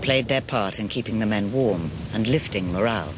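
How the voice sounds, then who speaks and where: A man's voice: fairly low pitch, normal speed, noisy background. A man reading scripted documentary narration as the narrator.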